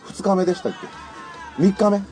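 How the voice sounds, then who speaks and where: A man's voice: sits high, brisk, faint music behind, some chatter behind. A man with a Kansai accent telling stories in a casual podcast chat. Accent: Kansai Japanese. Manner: storytelling, animated. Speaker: podcast co-host.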